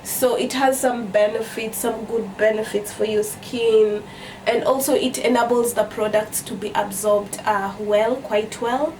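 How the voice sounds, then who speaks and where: A young Kenyan woman with a Kenyan accent chats casually to camera as a vlogger, telling a story and repeating phrases for emphasis. Her voice sits on the high side, with fairly even intonation, a slightly slow pace, and a somewhat mellow tone. The mic is distant and picks up background noise.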